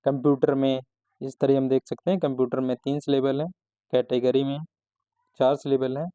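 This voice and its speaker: Slow methodical male grammar teacher. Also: medium pitch, level tone, warm tone, clear, resonant tone, no room sound. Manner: slow, methodical explaining with frequent restarts. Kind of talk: explanatory grammar lesson. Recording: slightly dull, lo-fi recording.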